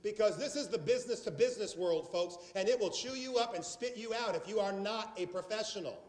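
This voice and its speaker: Brief: emphatic man with a South Carolina accent, high voice, live seminar, echoey hall. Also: a little fast, a little mellow. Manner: emphatic, blunt, banters with the audience. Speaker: sales trainer. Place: large meeting hall before a live audience.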